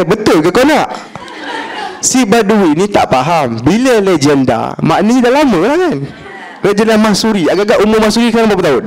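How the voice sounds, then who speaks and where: A man with a Malaysian accent giving a religious lecture, telling a story with humor, acting out the dialogue and mixing in English words. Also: high-pitched. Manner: lively, humorous, acts out dialogue; colloquial, mixes in English words. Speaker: preacher.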